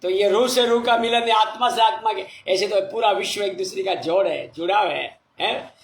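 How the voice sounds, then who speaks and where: A man, a meditation teacher who reads viewer comments slowly, spelling out names letter by letter and apologizing with repeated thanks. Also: high-pitched, creaky, roomy sound, a little hiss or hum. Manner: humble and apologetic. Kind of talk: casual talk reading viewer comments.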